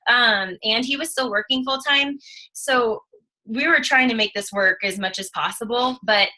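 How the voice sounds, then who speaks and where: A woman in her thirties telling her own story in a casual, animated way, acting out what she and others said. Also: a little high, moderate pace, low-quality recording. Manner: animated, emotional storytelling with quoted asides. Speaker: network marketing distributor. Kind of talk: casual testimonial chat.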